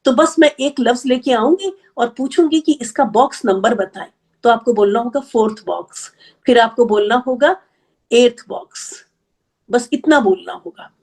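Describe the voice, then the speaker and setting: A woman teaching an Arabic grammar class, explaining patiently step by step and counting slowly aloud. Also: a little high, animated, darkish tone. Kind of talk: online class lecture.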